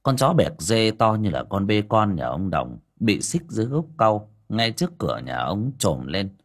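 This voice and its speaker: A man narrates a ghost story in a low, husky voice. His storytelling is dramatic, with pitch that rises and falls widely. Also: big pitch swings, normal speed. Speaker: audio story narrator, livestream host.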